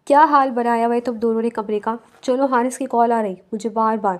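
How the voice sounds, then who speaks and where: Hurried, curious young man friend, voiced by a woman in a romance audiobook. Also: on the high side, steady tone, close to an everyday voice.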